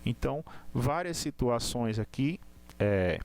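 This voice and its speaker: A man's voice: medium pitch, animated, slow pace, a little mellow. A man teaching an English class live online, explaining step by step with frequent tag questions and restarts.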